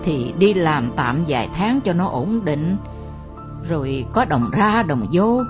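Actress as a pleading old mother, lowish voice, lo-fi with music. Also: sing-song, slow, heavily acted. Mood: reassuring. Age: older. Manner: pleading, self-effacing. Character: frail self-sacrificing elderly mother. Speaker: elderly mother. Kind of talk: melodramatic radio drama acting. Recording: dull lo-fi recording with music.

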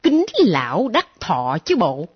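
A woman playing a brash husky spinster near forty. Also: on the low side, huge pitch swings, takes it slowly, exaggerated voice. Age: late 30s. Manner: brash, blunt, defensive. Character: picky unmarried woman near forty, scorns men. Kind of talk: comedy sketch acting. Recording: dull lo-fi recording.

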